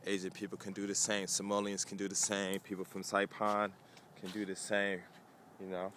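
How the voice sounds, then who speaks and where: Man, low voice, casual rambling vlog, faint outdoor street noise. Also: completely flat delivery, moderate pace, fairly bright tone. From United States. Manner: conversational, rambling with many fillers. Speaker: vlogger. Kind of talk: casual talk to camera.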